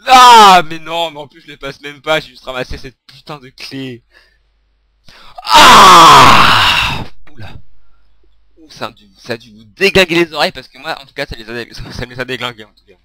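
A young man commentating his own gameplay, swearing, shouting at the game, laughing and half-singing to himself. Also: fairly high pitch, animated, fast. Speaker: gaming video creator.

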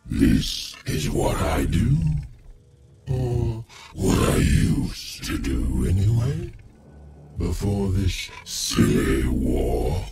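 A deep, gravelly shadow monster for a video game, ancient and menacing. He toys with his prey in mock courtesy, swinging theatrically through his phrases. Loud music plays behind him. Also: big pitch swings, full character voice. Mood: gloating menace. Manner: slow, menacing, theatrical, mockingly polite. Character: ancient menacing shadow creature that snatches children. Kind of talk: video game character acting.

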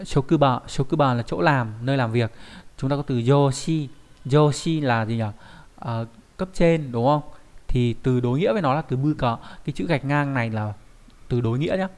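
A young adult man leads a vocabulary lesson in a patient, explanatory way. His voice sits at an ordinary middle pitch. He keeps checking in with his students through little rhetorical questions. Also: a little mellow. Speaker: Japanese language teacher.

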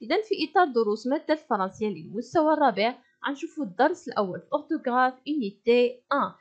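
A woman with a Moroccan Arabic accent teaching a primary school French lesson, saying the French slowly and carefully and explaining quickly in Darija. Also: on the high side, lively intonation, lo-fi sound.

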